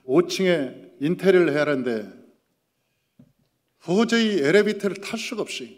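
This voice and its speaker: A man preaching as pastor, telling a story and acting out dialogue, moving between loud emphasis and hushed prayer. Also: fairly high pitch, lively intonation, moderate pace. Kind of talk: sermon. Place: church sanctuary. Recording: reverberant church hall.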